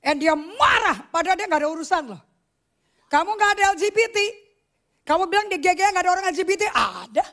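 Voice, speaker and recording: A woman pastor preaching a sermon in an animated, emphatic way, dropping English phrases into her talk. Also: very high voice, brisk.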